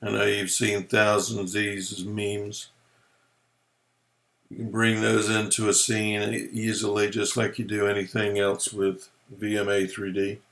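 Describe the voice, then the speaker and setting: A man presenting a software tutorial, explaining features in a relaxed, folksy way as he clicks through them. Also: lowish voice, a little slow. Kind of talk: screen-recorded software walkthrough.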